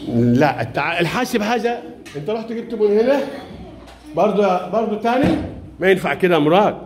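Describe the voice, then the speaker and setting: A male primary school teacher with a notably high voice fires questions at young pupils. He is patient, praises right answers and gently scolds those who stray. His delivery is classroom questioning. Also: big pitch swings, fairly quick.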